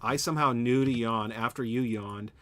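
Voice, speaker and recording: Speaking at a moderate pace, this man has a mid-range voice with a bit of brightness. He rambles through a casual live stream of a factory-building game, talking to chat while he builds.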